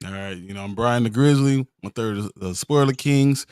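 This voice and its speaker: A man's voice: medium pitch, normal speed, darkish tone, clean tone, no room sound, studio quality. A man chatting casually as a reviewer on an online panel. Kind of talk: casual chat.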